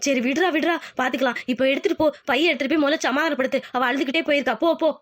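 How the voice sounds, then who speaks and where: A kind village mother in a cartoon, fretting over a family quarrel, voiced by a woman. Her voice is very high and the words come quickly, in a pleading, anxious manner. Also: close to an everyday voice. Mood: urging. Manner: pleading, fretful. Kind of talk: cartoon voice acting.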